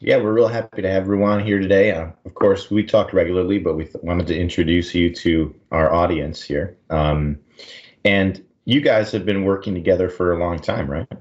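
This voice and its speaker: A man co-hosts a podcast, upbeat and keeping the conversation moving with questions. His voice is very low. The recording sounds a bit dull and lo-fi. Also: steady tone, normal speed. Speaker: podcast co-host.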